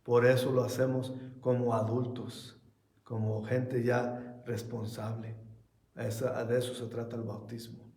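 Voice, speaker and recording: A man's voice: mid-range voice, flat delivery, measured pace, darkish tone, roomy sound. A man preaching an earnest Sunday Bible study sermon as pastor. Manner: earnest preaching, ending in prayer.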